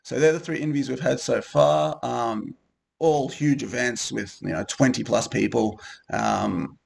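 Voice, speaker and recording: A man, co-hosting a relaxed, rambling chat about a gaming event. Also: medium pitch, unhurried, creaky, husky. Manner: relaxed, rambling with many ums and restarts. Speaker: co-host of a gaming group video. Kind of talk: casual chat.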